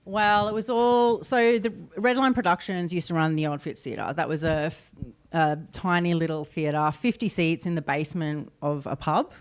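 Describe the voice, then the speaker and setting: Low-voiced woman, far north Queensland accent. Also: moderate pace. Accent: far north Queensland Australian. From far north Queensland, Australia. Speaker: guest, theatre producer. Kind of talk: casual live interview chat.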